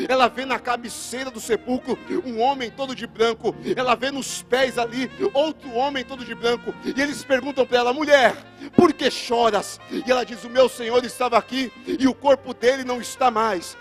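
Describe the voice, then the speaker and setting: A young Brazilian man with a Brazilian Portuguese accent, an evangelist preaching a sermon in church, retelling a story and building to loud, emphatic declarations. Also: extremely high pitch. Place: church service.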